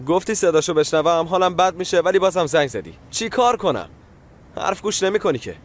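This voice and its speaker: A dismissive, impatient lover in a dubbed TV drama. He talks brusquely and a little high for a man. His lines sound short-tempered. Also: expressive. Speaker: dub actor.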